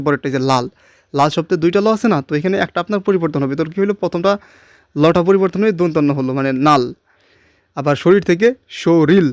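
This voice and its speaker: A man's voice: fairly high pitch, a little mellow, dry recording, studio quality. A male teacher giving a grammar lesson, explaining rules and often asking listeners if they follow. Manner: explanatory, keeps asking listeners checking questions.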